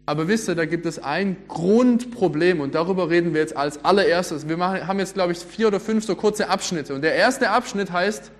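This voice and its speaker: A middle-aged man, preaching a conversational sermon and asking the audience questions. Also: high-pitched.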